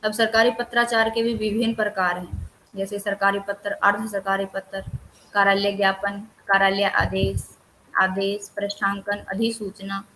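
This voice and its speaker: Flat-voiced woman teacher revising online. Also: mid-range voice, a little hiss or hum, rough recording. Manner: lists topics steadily with few pauses. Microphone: computer mic on a video call.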